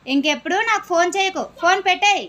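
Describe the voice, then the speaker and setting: A woman's voice: extremely high pitch, quick pace, sharp tone. A woman voicing a jilted, lovesick young man in a comedy skit, talking in a reproachful way. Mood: sulky.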